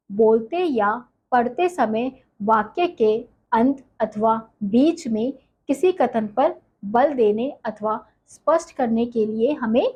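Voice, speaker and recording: Slow, husky-voiced woman teaching Hindi. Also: fairly high pitch, a little mellow, poor audio. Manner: slow, explanatory, repeats and asks questions then answers them. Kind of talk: online class lesson.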